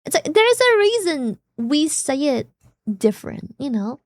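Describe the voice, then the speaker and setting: A woman's voice: high-pitched, big pitch swings, unhurried, dry recording. A young woman who speaks natively, chatting casually with viewers on a stream in English with a rambling, filler-heavy manner. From Germany. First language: German.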